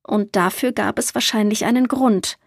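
A woman narrating a children's audiobook with lively storytelling. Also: mid-range voice, moderate pace, creaky, breathy edge, no room sound, studio quality.

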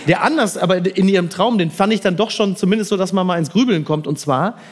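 A man chatting animatedly on a podcast and telling a family story. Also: high voice. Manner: animated storyteller, quick to laugh. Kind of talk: casual chat. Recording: long reverb.

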